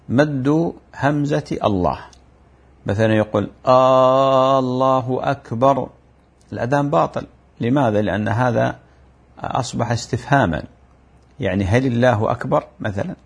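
A man giving a religious lesson, explaining mistakes in the call to prayer and chanting examples of them, in a drawn-out, repetitive teaching manner. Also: medium pitch, vocal fry, husky. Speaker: Islamic teacher. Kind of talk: religious lecture.

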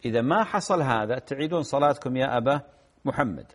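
Patient cleric answering callers' questions. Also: male voice, medium pitch, expressive. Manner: patient explaining with drawn-out examples. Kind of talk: fatwa call-in answers.

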